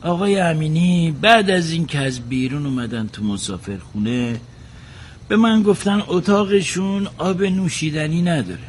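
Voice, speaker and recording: An actor plays a polite but defensive inn worker with a fairly high, lively voice. A faint noise sits behind the recording. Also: male voice, lightly acted. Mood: explaining. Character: defensive male inn worker accused of theft.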